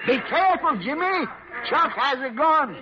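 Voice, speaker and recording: A man's voice: extremely high pitch, animated, moderate pace. An actor playing a crusty but kindly older male doctor, fussy and emphatic, in classic radio drama style. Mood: urgent, agitated. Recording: muffled, noisy vintage radio recording.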